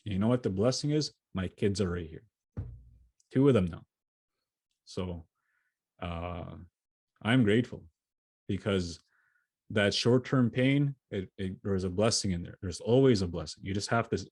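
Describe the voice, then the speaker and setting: Speaking at a normal speed with frequent pauses, a man with a lowish, slightly mellow, breathy voice gives a motivational talk over a video call from home, fielding questions. He's earnest but often restarts and repeats words, with no room sound audible.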